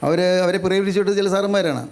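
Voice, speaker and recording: A man's voice: sits high, fast. An older man from Kerala preaching a sermon, emphatic and repetitive, with frequent rhetorical questions. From Kerala, India.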